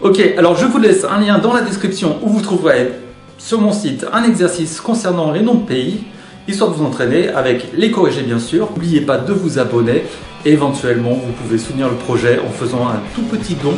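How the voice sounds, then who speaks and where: A man teaching a French grammar lesson to his channel viewers, with a lively, clear teacherly delivery and rising emphasis. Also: fairly high pitch, brisk, faint music behind. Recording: echoey room.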